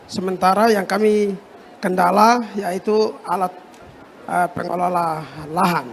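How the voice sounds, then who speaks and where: A man from West Papua, a farmer representative, speaking hesitantly with many pauses. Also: sits high, fairly even intonation, creaky, slight background noise. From West Papua, Indonesia. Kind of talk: public petition to an official.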